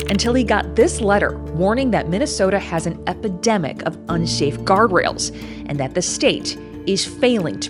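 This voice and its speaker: Low-voiced American woman narrating an investigative news exposé. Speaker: investigative reporter.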